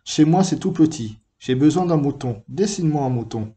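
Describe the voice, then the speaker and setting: A man's voice: a little high, lively intonation, normal speed, warm tone, lightly acted. A man reading aloud, voicing a small, earnest, curious boy prince in a storybook reading. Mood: insistent.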